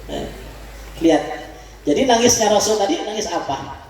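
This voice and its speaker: A man's voice: high-pitched, lively intonation, normal speed, a little mellow, a little hiss or hum. A man preaching with a Sundanese accent, leading the congregation in call-and-response and chuckling between points. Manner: leads the crowd in call-and-response, chuckling often. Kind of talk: religious study sermon to a congregation. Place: large hall at a religious gathering. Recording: echoey hall, voice from far off.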